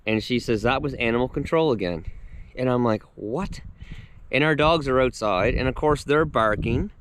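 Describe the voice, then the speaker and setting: Man, thirties, casual vlog storytelling, lively retelling, outdoors, mid-pitched voice, faint background noise. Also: normal speed. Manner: animated retelling, acting out quotes. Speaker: vlogger. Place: outdoors on his rural property with his dogs.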